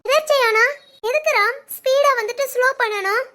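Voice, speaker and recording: Woman voicing a squeaky young cartoon wife. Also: brisk, pushed and bright. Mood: suspicious. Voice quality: very high, girlish. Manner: tearful and pleading. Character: young wife, fragile, devoted and suspicious. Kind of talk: dubbed cartoon family drama.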